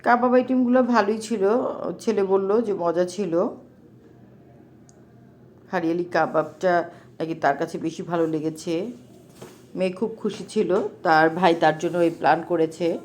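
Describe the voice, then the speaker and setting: A woman's voice: on the low side, fairly even intonation, unhurried, pauses often, a little mellow, a little hiss or hum. A middle-aged mother with a Bangladeshi Bengali accent, narrating her family vlog in a homely, chatty way and talking straight to her viewers. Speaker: vlogger, mother.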